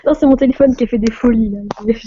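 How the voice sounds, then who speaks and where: A woman's voice: fairly high pitch, fairly even intonation, rapid-fire, dark tone, highs cut off, slight background noise. Flustered French woman laughing on a stream. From France. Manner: laughing often, flustered by technical trouble. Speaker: live stream host. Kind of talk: casual live stream chat. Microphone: phone.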